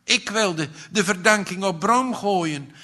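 Storybook role: man playing a sick, guilt-ridden boy, high and breathless, slow and bright. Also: heavily acted. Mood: anguished confession. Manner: breathless, pleading, high-pitched. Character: sick remorseful boy, frightened.

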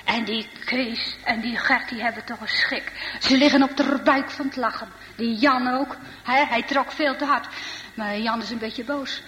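Lively woman telling a children's story. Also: on the high side, moderate pace, long reverb tail, low-quality recording. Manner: lively, addressing listeners with asides.

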